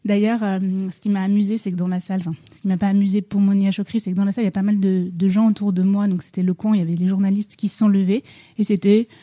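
Bright, chatty woman film critic. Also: medium pitch, level tone, very fast. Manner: chatty, many fillers and hesitations. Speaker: film critic on a festival podcast. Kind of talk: casual review chat.

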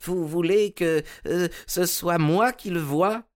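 A man's voice: high voice, slow, pitched above the performer's own voice. A man voicing a timid elderly male collector, meek, polite and a little stammering.

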